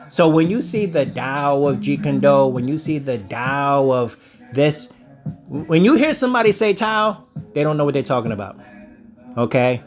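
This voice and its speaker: A self-assured man in a slightly raised voice lectures viewers through a crypto screen-share, calling them "ladies and gentlemen" and checking in with a steady "okay?". He styles himself a teacher and talks down a little. Faint music plays under him. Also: on the high side. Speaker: crypto channel host.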